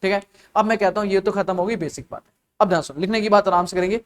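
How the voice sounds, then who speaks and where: A man's voice: high voice, steady tone, fast talker, a crowd in the background. A young Indian man teaching a classroom lecture, quizzing students with short repeated questions and answering them himself.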